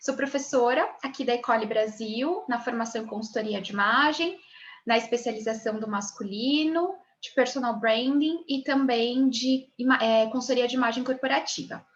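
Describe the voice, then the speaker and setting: Teacher, woman, bright-pitched, lecturing on a video call with muffled sound. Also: moderate pace, a little hiss or hum. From Brazil. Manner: friendly greeting of students, then lecturing. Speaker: image consulting teacher. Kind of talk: online class via video call. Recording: dull lo-fi video call audio.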